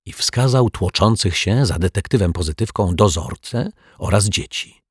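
A man's voice: moderate pace, slightly rough, no room sound, clean studio sound. A man reading a children's detective story aloud, narrating and giving the characters their own voices. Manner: lively, voices characters with pitch shifts. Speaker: audiobook narrator.

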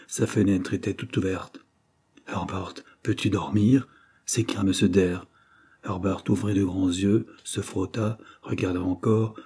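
A man reading a novel aloud as narrator in a measured, steady way. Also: lowish voice, slightly rough. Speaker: audiobook narrator.

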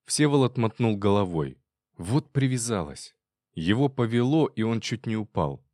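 A man narrating an audiobook in an even storytelling manner. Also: lowish voice, moderate pace, no echo, studio quality. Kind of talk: audiobook reading.

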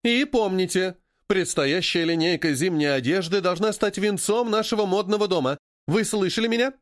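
A man's voice: sits high, sing-song, a little fast, no room sound, clean studio sound. A man voicing a stern woman running a fashion house, barking orders like a drill sergeant. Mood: commanding.

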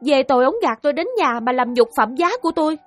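A woman's voice: sits high, fast talker, soft background music, lightly acted. Woman playing a deferential young accused woman. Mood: distressed. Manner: deferential, earnest pleading. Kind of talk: audiobook drama acting.

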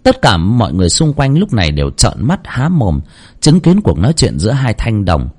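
A man narrating a horror story with dramatic, expressive delivery. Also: on the low side, a little fast, breathy edge.

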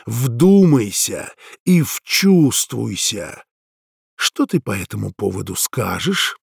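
A man's voice: medium pitch, big pitch swings, takes it slowly, gravelly, husky, no room sound, studio quality, full character voice. A man voicing an aggressive, foul-mouthed young woman with a coarse, mocking, menacing manner for an audiobook. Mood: coaxing. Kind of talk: audiobook dialogue.

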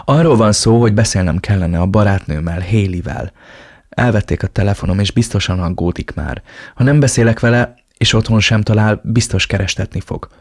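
A man's voice: on the low side, darkish tone. A man voicing a frightened but stubborn young woman held captive, reading her lines in an audiobook. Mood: pleading. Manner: pleading, then indignant.

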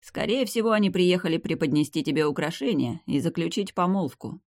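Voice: medium pitch, expressive, a little fast, darkish tone, no room sound, clean studio sound, natural voice. A reader voicing a mildly offended, sighing middle-aged noble father. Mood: grumbling.

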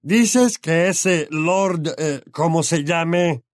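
A man voicing a blustering middle-aged uncle who shouts and drags out his words in an audiobook. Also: fairly high pitch, dry recording, studio quality, voice pushed up. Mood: bellowing angry. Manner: shouting, drawn-out and overbearing. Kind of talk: audiobook character voice.

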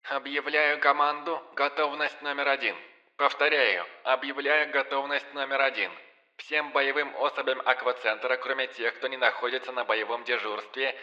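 A man voicing a sea-creature commander over loudspeaker. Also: medium pitch, pitched above the performer's own voice. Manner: clipped military orders. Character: commanding male amphibian sea-creature leader. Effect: loudspeaker announcement, radio-like. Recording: dull lo-fi sound.

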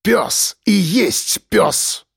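A man voicing a raspy, bellowing mayor. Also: high-pitched, lively intonation, extremely slow, no room sound, studio quality, pitched above the performer's own voice, exaggerated voice. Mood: raging. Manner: bellowing, cursing, bullying. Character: furious foul-mouthed middle-aged male mayor.

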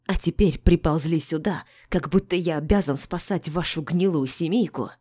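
A bitter middle-aged doctor from an audiobook snaps his lines with open contempt, as a woman reads him. The voice sits low and dark. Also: moderate pace. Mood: furious. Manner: harsh, snapping and contemptuous. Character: gruff embittered middle-aged male doctor.

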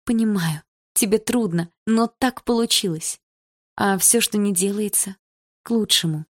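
A woman's voice: medium pitch, measured pace, no room sound, studio quality, pitched above the performer's own voice, close to an everyday voice. A woman voicing an anxious middle-aged mother who soothes and then pleads in an audiobook. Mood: soothing.

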